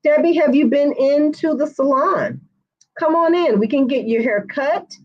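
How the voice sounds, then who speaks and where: A woman's voice: high voice, unhurried, lo-fi sound. A woman hair stylist teaching a live online course, chatting with viewers by name and answering their comments. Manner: chatty, addresses viewers by name, says y'all.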